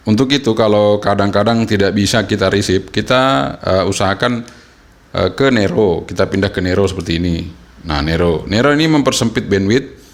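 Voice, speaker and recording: A man explaining radio settings step by step in a casual tutorial, often pausing with hesitations. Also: lowish voice. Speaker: radio equipment reviewer.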